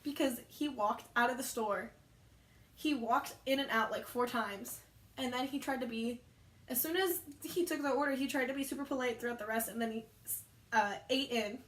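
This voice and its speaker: Young woman rambling thru a storytime, kinda high voice, roomy echo. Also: normal speed, fairly bright tone. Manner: rambling, chatty, self-correcting. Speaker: vlogger telling work stories. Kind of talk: casual storytime chat. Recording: echoey room.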